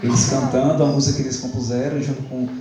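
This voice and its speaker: Sharing his testimony at a church service, the young man with a Brazilian Portuguese accent chats through his story, performs the dialogue, and laughs frequently. He talks fast in a mid-range voice with little pitch movement, with a crowd audible in the echoey church hall.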